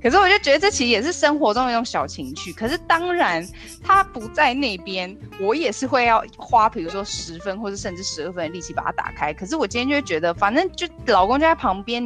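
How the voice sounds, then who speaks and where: Fast, lively woman podcast host. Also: medium pitch. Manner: animated, acts out quoted voices. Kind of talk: casual chat.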